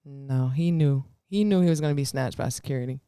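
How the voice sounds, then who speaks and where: A man's voice: medium pitch, brisk, dark tone, clear, resonant tone, no room sound, studio quality. A man chatting casually as a co-commentator, giving terse, blunt and firm opinions. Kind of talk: casual chat.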